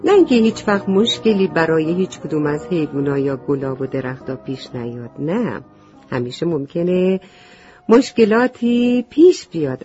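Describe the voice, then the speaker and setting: A woman gently reading a children's story aloud, talking directly to the children listening. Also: low voice, slightly rough. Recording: slightly muffled lo-fi recording.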